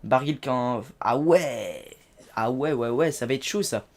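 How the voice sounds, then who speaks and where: Man, casual let's-play commentary, excitable, loud outbursts and quiet asides, average pitch. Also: a little slow. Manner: chatty, excitable, swings between loud outbursts and low asides. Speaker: gaming video host.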